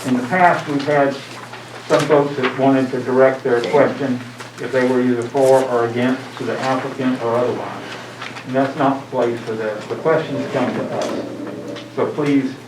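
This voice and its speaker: American male chair, mid-pitched, talking deliberately through a face mask to a public meeting, miked from a distance. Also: steady tone. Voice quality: slightly muffled by a face mask. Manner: deliberate, speaking up to be heard. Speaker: planning commission chairman. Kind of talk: formal meeting opening remarks. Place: indoor public meeting room. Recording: distant mic, echoey room, clear noise.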